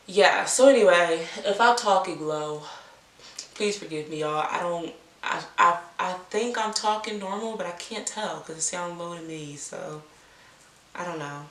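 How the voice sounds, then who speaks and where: A young woman vlogger chatting casually and rambling to viewers in a low, unhurried way while recovering from an illness. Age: young adult. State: recovering from illness, clearing throat. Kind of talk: casual chat to viewers while doing her hair. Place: small indoor room. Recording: roomy echo, audible background hiss.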